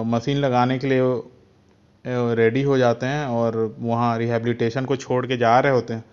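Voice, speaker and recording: A man hosting a film channel, giving a casual, unhurried and halting retelling of a movie's plot. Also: mid-range voice, darkish tone, smooth. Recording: dull lo-fi recording.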